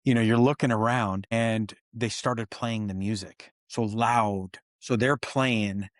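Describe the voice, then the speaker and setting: A man, a stuntman guest, telling set stories in an excited, animated way and acting out quoted dialogue. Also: lowish voice, takes it slowly, no echo, clean studio sound. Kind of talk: animated storytelling interview.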